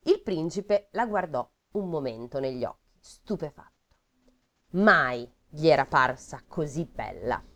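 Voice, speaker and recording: A woman's voice: low voice, lively intonation, unhurried, fairly bright tone. A woman reading a fairy tale aloud in a casual comic chat, breaking off for sarcastic asides.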